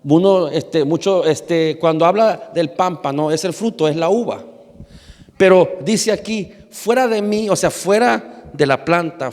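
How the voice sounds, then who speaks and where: A man's voice: high voice, darkish tone, in a large hall. A man from Argentina, a pastor, giving a conversational sermon, often asking his congregation questions and hesitating with fillers.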